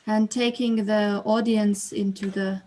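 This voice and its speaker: Over a video call, an exhibition host and curator opens an online show by reading a prepared statement before moderating with hesitant fillers when she departs from the script. She has a warm mid-range voice, a level tone, and a measured pace, with slight background noise.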